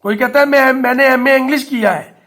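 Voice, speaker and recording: This male teacher, whose voice is very high-pitched, a bit bright and fairly quick, leads a lesson on English articles. He explains things patiently and spells words letter by letter for the class.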